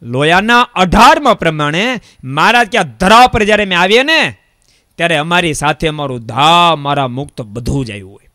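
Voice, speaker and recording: A man giving a religious discourse, telling a parable in an animated way and repeating phrases for emphasis. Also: on the high side, normal speed, no room sound, clean studio sound. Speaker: preacher.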